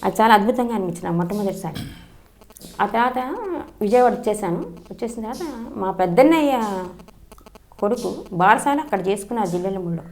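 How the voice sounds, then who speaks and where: An older woman from Andhra Pradesh speaks. She tells her memories at a brisk clip, earnest and eager, often restarting a phrase. Her voice sits at an ordinary middle pitch. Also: a little mellow, a little hiss or hum. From Andhra Pradesh, India. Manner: fast, earnest storytelling with frequent restarts. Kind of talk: personal reminiscence.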